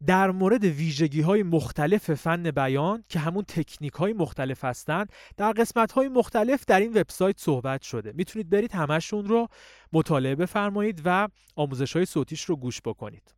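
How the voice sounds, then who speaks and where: A man's voice: expressive, no echo, clean studio sound. A man teaching public speaking, explaining techniques and reciting poetry to show them. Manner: swings voice high and low in drills. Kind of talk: spoken lesson with recited examples.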